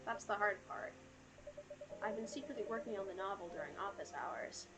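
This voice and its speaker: A woman's voice: mid-range voice, expressive, fairly quick, background noise, lightly acted. Woman acting an earnest aspiring novelist, amateurish and stagey. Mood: confiding, worried. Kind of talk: amateur read-aloud of visual novel game dialogue.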